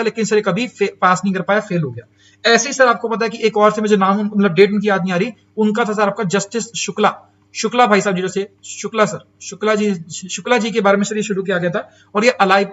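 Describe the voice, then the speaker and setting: A man with an Indian accent delivers an exam-prep lecture in a fairly high voice, chatty and full of questions he answers himself. Key English terms are stretched out slowly for emphasis. The recording sounds dull and lo-fi. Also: a bit bright. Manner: chatty teacher, asks and answers his own questions, says "sir" and "bhaiya". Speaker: teacher.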